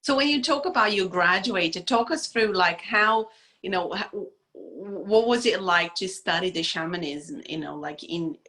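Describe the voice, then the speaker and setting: A chatty woman hosting an interview, her voice low for a woman yet bright and sharp. She speaks casually and enthusiastically, full of fillers as she frames each question. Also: expressive, a little slow.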